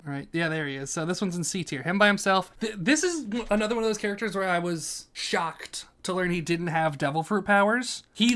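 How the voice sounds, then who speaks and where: Jokey YouTuber talking through a tier list. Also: medium pitch. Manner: chatty and jokey, muttering to self, swearing; swings between loud outbursts and quiet asides. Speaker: YouTuber ranking characters. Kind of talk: casual tier-list commentary.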